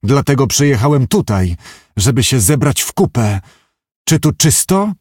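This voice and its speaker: A man's voice: medium pitch, big pitch swings, unhurried, a little mellow, slightly rough, dry recording, clean studio sound. A man reading an audiobook, voicing a gloomy, shaken businessman who talks in anxious, confiding tones. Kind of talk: audiobook character voice.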